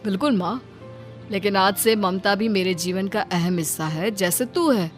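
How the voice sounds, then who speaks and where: A young man of about thirty from a cartoon who works and studies and calmly reasons with his family, voiced by a woman. His voice sits at a plain mid pitch. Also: moderate pace, music in the background, natural voice. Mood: explaining. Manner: patient, reasoning. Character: dutiful working son around thirty. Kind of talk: cartoon voice acting.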